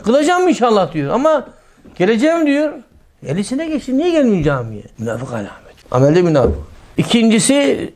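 Middle-aged man preaching in a lively voice. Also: high voice. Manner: lively preaching, acts out quotes in a raised voice, drops to a soft aside. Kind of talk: sermon.

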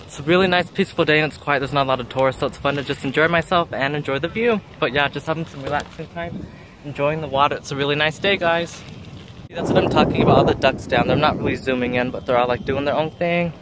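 A man's voice: on the high side, quick pace. A young man chatting casually and slangily to his viewers, recording on a phone at arm's length outdoors by a lake. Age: young adult. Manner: talks informally with slang, out by a lake. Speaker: vlogger. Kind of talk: casual vlog chat to viewers. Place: outdoors on a lakeside dock. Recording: windy, noisy outdoor phone audio.

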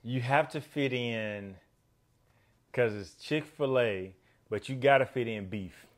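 A man co-hosting a podcast, talking in a relaxed, slangy way and often saying "bro". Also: mid-range voice, slow. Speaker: podcast co-host. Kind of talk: casual chat.

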